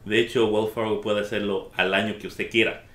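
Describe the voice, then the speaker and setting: A man with a lowish voice explains loan options as a guest in a studio talk. He is calm and matter-of-fact. His voice rings in an echoey room. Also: brisk. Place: studio in front of a slide screen.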